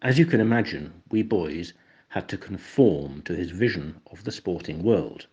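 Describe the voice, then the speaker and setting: A man's voice: deep voice, expressive, normal speed, a little mellow, slightly rough, dull audio. An older English man with an English accent, narrating an educational explainer in a wry, dry-humored way. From England.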